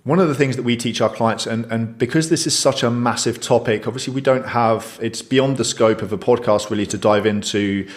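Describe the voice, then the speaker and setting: A man's voice: mid-range voice, fairly quick, few pauses. A man in his thirties co-hosting a podcast, talking casually and explaining ideas with many restarts. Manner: thoughtful, explanatory, frequent restarts. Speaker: podcast co-host.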